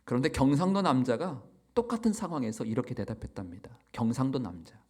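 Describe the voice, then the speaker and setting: Animated, expressive male pastor preaching. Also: medium pitch, fairly quick. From Chungcheong, South Korea. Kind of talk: sermon.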